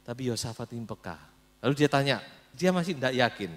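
A man preaching a morning devotional sermon in a church, retelling the story in a lively, animated way. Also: mid-range voice, fast talker. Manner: animated storyteller acting out scenes. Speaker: pastor.

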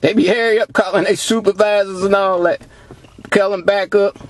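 A man preaching a sermon, reading scripture slowly and stretching out the words, then pressing his listeners with rhetorical questions. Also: high-pitched, steady tone, a little hiss or hum. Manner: emphatic, drawn-out preaching cadence.

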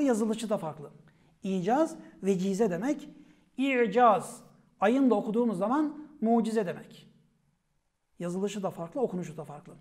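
A man with a high-pitched voice leads a vocabulary lesson on old word roots. He calls out each term sharply, then drops into a quieter, falling voice to explain it. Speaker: teacher.

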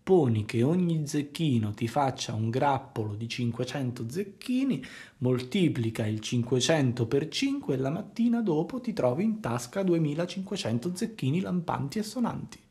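A man's voice: a little high, sing-song, moderate pace, dark tone. A man doing a sly coaxing fox. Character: sly scheming fox, smooth-talking swindler.

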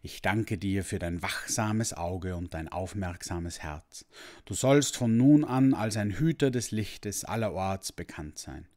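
A man voicing an ancient, kind male dragon in a storybook, speaking slowly and solemnly with a deep rumbling voice. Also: darkish tone. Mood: gentle. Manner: slow, solemn and fatherly. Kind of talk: storybook reading.

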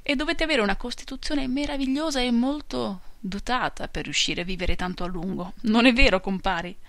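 A woman voicing a jovial farm worker who soothes and flatters an old man. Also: a little high, brisk, no echo, voice pushed up. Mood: placating.

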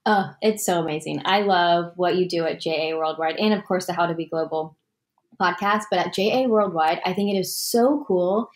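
A woman's voice: fairly low pitch, normal speed. A young woman hosting a casual video podcast from a living room, upbeat and gushing, laughing often. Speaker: podcast host.

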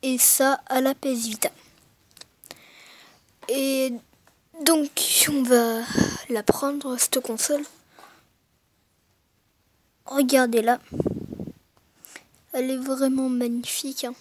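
A woman's voice: sits high, little pitch movement, slow, long pauses, a little mellow. A woman recording a casual unboxing narration through a gaming headset mic, talking hesitantly with many fillers and self-corrections. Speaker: gaming video maker.

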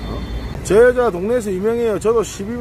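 A man's voice: high voice, brisk. A young man with a Gyeongsang Korean accent, livestreaming a mocking, argumentative confrontation on a street. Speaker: live-streamer. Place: outdoors on a busy street. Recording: street noise behind.

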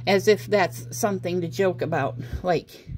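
A woman telling a personal story in a casual vlog, halting and explanatory, with an aggrieved manner. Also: lowish voice, darkish tone. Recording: clear background noise, handheld home recording.

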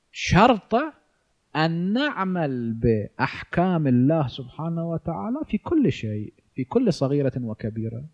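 A man's voice: fairly high pitch, dull audio. A man in his forties with an Iraqi Arabic accent, giving a religious lecture and asking rhetorical questions that he answers himself. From Iraq. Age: 40s. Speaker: cleric lecturer.

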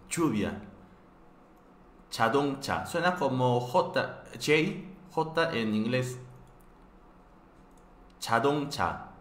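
A man from Korea, teaching a live online language class, patiently repeating words with frequent restarts and fillers. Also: fairly low pitch. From South Korea. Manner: patient, repeats each word slowly several times. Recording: echoey room with faint background noise.

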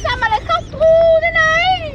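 A woman playing a cheeky young woman helper, lively and playful in a comedy skit. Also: extremely high pitch, a little fast, over a noisy crowd, very noisy. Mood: eager.

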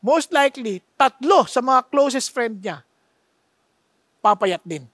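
Filipino pastor, high voice, emphatic sermon delivery, rhetorical questions, dry close sound. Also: male voice, lively intonation, slow pace, a bit bright, no room sound. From Philippines. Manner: mixes Tagalog with English phrases.

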